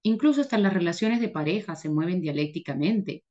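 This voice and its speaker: A woman's voice: lowish voice, expressive, a little fast, mellow, lo-fi sound. A woman teacher giving an emphatic motivational lecture, repeating her points and answering her own rhetorical questions. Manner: emphatic, repetitive, asks herself rhetorical questions.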